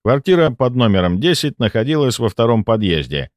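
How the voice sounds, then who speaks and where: A man narrating a first-person audiobook in a lively, expressive reading. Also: mid-range voice, brisk, no room sound, clean studio sound.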